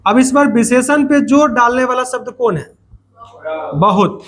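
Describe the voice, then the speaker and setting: High-voiced male grammar teacher. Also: unhurried, fairly bright tone, slight background noise. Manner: repetitive, asks students questions and answers them himself; playful asides. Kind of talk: grammar lesson to students.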